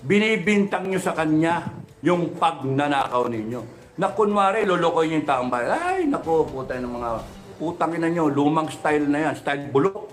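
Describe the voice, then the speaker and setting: A man's voice: on the high side, normal speed. A man in his thirties or forties in an impassioned political rant, firing repeated questions at officials with a mock-polite "sir" and switching between Tagalog and English.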